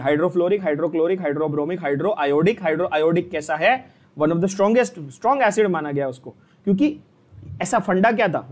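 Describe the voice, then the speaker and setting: A man with a fairly high voice teaches an exam-prep chemistry lesson. He keeps the class on its toes, asking the same question twice and pushing students to answer out loud. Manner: drills students with repeated questions; energetic, coaxing.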